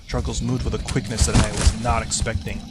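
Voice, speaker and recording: A man's voice: fairly low pitch, little pitch movement, fairly quick, over loud music. A man narrating a horror story, reading the dialogue in different voices. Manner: acts out the dialogue in shifting voices.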